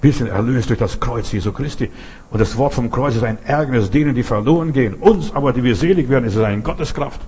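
An older man delivers a fervent sermon in a husky, breathy voice at a middle pitch. He repeats his phrases for emphasis and keeps asking his listeners whether they follow him. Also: quick pace, mellow. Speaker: Pentecostal preacher.

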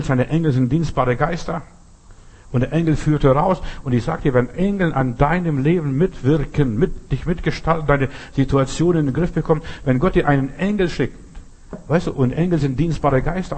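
Male preacher, husky tone, earnest and repetitive sermon delivery, talks straight to the listener. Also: a little high, a little mellow.

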